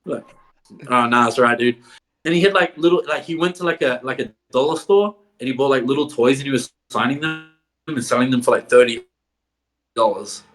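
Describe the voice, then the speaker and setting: Casting: man, mid-pitched, a chatty wrestler telling stories, laughing and swearing. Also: a little fast. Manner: swears a lot, laughs often, filler-heavy "like". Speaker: professional wrestler, podcast guest. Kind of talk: casual storytelling.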